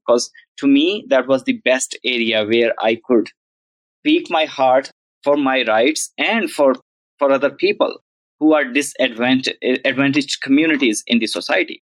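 A man's voice: mid-range voice, no room sound, rough recording. Earnest male professor. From Pakistan. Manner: earnest, reflective, frequent "like" and "right?". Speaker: guest, journalism professor. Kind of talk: podcast interview storytelling.

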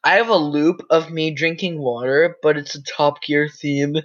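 A woman's voice: sits low, steady tone, measured pace. A woman hosting a casual meme chat, who laughs often and swears freely. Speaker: podcast host. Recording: dull lo-fi mp3 audio.

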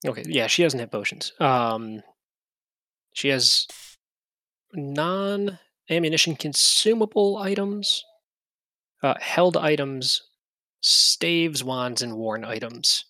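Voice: medium pitch, slow pace, pauses often, bright, forceful tone, no room sound. Casual, rambling game master. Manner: casual, many fillers and restarts, lists items. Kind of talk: tabletop game narration and chat.

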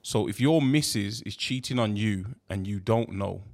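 Gravelly young man asking questions. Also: lowish voice, moderate pace. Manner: hesitant, lots of ums, cheeky questions. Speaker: podcast co-host reading questions. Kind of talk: casual podcast questioning.

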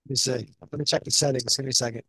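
A man's voice: mid-range voice, fairly even intonation, racing, sharp tone, husky, no room sound. A man chatting casually as a podcast co-host on a headset mic, rambling with many fillers, his audio glitching and breaking up. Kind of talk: casual chat.

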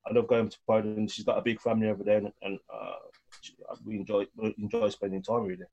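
Brief: quick, easygoing man in his 30s, podcast guest, relaxed conversational delivery. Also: lowish voice, creaky, muffled recording. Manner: quick, laid-back, gives advice with slang fillers. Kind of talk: casual chat.

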